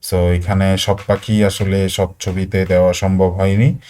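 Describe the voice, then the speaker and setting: A man's voice: sits low, little pitch movement, a little slow, warm tone. Man reading vocabulary lists. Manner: reads vocabulary lists item by item, with frequent "uh" fillers. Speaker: English teacher. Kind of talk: spoken English lesson reading word lists.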